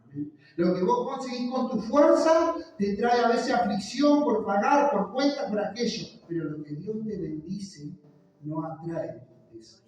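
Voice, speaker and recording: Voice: mid-range voice, expressive, a little slow, a little mellow. A preacher with a Rioplatense Spanish accent, delivering an impassioned sermon and acting out the voices he quotes. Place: church. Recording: very echoey church hall, voice from far off.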